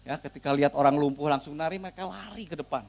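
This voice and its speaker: A middle-aged male preacher with a Sundanese-tinged Indonesian accent tells a story in a sermon. He keeps calling his listeners "saudaraku" and moves between soft asides and loud, fervent exhortation. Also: fairly high pitch, fast, gravelly.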